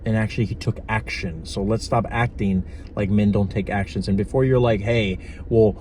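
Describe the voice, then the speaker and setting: A man's voice: on the low side, fairly even intonation, brisk, a little mellow, a little hiss or hum. A man giving blunt, profane dating and manifestation advice in a casual vlog. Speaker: manifestation coach.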